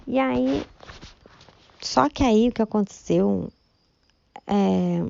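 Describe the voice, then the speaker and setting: A woman's voice: mid-range voice, slow pace, creaky, darkish tone, muffled recording, slight background noise. A woman gives a church testimony in a chatty, emotional storytelling manner, often turning to her listeners for agreement. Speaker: church member giving testimony. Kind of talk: spoken religious testimony.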